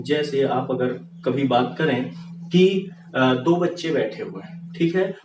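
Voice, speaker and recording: A man teaching English grammar, asking questions and answering them himself. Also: a little high. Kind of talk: classroom-style grammar lesson. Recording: echoey room, far from the mic, with noise.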